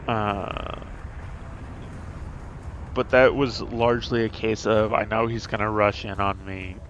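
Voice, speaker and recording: Male game streamer, low-pitched, casual strategy chatter, thinks aloud with frequent fillers. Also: little pitch movement, slow, fairly bright tone, highs cut off, slight background noise.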